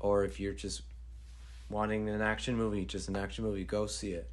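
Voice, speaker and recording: A man's voice: lowish voice, flat delivery, brisk, a little hiss or hum. A man co-hosting a podcast, giving a playful, enthusiastic movie review in casual chat. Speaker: podcast co-host.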